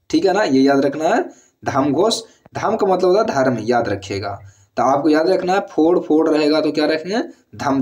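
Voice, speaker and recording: A man's voice: fairly high pitch, a little mellow. A man teaching an exam-prep lesson in speech, repeating key words again and again and checking in with the listener.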